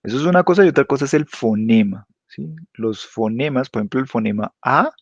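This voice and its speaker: Male lecturer, mid pitch, tag-question habit, dry lo-fi recording. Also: animated, vocal fry, slightly rough, no echo. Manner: checks understanding constantly with quick tag questions. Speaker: teacher. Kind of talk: explanatory class lecture. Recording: dull lo-fi dry sound.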